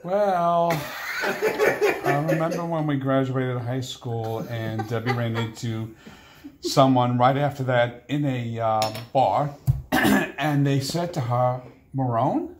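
A man's voice: mid-range voice, lively intonation, takes it slowly, a little hiss or hum. A man in his sixties, a guest in a casual chat, telling a story with wry, dry humor.

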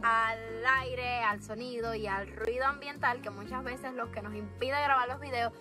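A young Cuban woman casually telling anecdotes to camera outdoors in the wind, chatty and animated. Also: fairly high pitch, moderate pace, over music. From Cuba. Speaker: vlogger. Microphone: camera or phone built-in mic.

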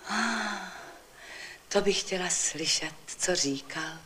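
A meek young mother, resting in bed, speaks in a soft and humble voice, as a woman reads her part. She sounds gentle and admiring, a quiet figure in a vintage storybook reading. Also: rumbling low, pitched below the performer's own voice.

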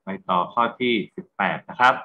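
Thai man explaining grammar, slightly lo-fi. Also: fairly quick. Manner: explanatory, asks rhetorical check questions. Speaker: English grammar teacher. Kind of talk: classroom lecture, explaining exam answers.

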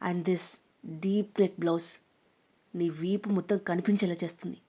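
A woman voicing an arrogant, threatening young man in an audio story, speaking low and mocking. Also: steady tone, normal speed, a little mellow. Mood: menacing. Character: menacing arrogant young man, a rich bully. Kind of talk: storybook narration.

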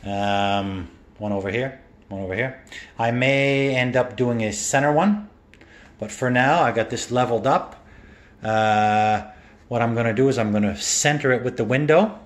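It's a handheld phone video inside a kitchen under renovation, where a vlogger with a mid-range voice at moderate pace shows off the work. His walkthrough is casual and rambling, with lots of fillers and restarts.

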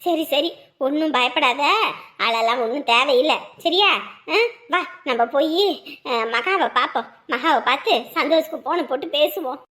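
A woman's voice: sits high, normal speed, a bit bright. A woman playing a village woman who laments, comforts and scolds her distressed friend. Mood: reassuring. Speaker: neighbor older-sister figure. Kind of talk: rural Tamil drama acting.

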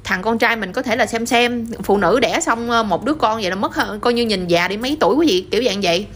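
A woman's voice: on the high side, fast talker. A woman with a Southern Vietnamese accent giving chatty gossip commentary and peppering viewers with rhetorical questions.

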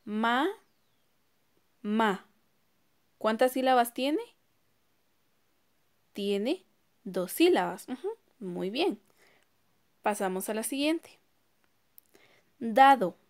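A slow-paced woman teacher speaks in a fairly high voice. She breaks words into syllables one at a time and asks her pupils questions as she goes. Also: animated, darkish tone. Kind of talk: recorded online class.

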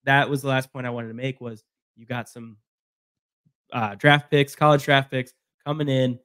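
A man co-hosting a casual sports podcast, talking in an animated way, repeating himself and laughing easily. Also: mid-range voice, moderate pace, no echo, clean studio sound. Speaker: podcast co-host.

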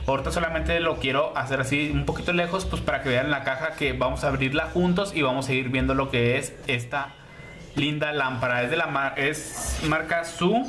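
A man's voice: mid-range voice, normal speed, bright, forceful tone. A man hosting a casual product review vlog, chatty and hesitant, repeating himself and using lots of diminutives. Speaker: YouTube beauty channel host reviewer. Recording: roomy echo with background hiss.

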